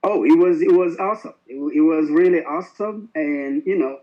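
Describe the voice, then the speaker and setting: A man from Senegal with a Senegalese French accent, a French speaker, talking haltingly about his music over a video call. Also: on the high side. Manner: halting, many restarts. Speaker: contestant artist. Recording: dull, lo-fi video-call audio.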